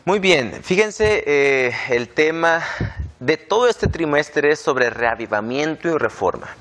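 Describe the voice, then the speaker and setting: A young man hosts a relaxed panel chat. His voice sits a bit high for a man. He speaks earnestly and at a measured pace, repeating key points to drive them home. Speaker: host. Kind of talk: relaxed panel discussion hosting.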